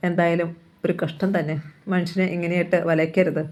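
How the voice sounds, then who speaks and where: A reader voicing a kindly old father in a novel reading, unhurried and gently grumbling. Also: mid-range voice, flat delivery, close to an everyday voice. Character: kindly old father fond of his daughters.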